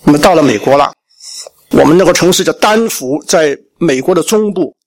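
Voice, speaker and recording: This middle-aged Shandong pastor shares his life story as a sermon testimony, acting out how his family talked. His voice is a little high and expressive, and his pace a little fast.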